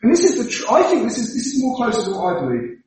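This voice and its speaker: A man preaches a sermon in a church, laying out his explanations emphatically and circling back to repeat the points he cares about. His voice sits high and moves a great deal in pitch. The sound is very reverberant, like a large hall. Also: huge pitch swings, very fast, darkish tone. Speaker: pastor.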